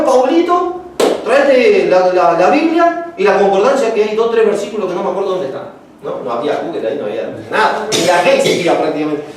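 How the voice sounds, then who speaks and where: A man teaching a homiletics class in a chatty, joking way, acting out little stories. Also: sits high. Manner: chatty, joking, acts out anecdotes. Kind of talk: casual classroom lecture. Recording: echoey room from far off.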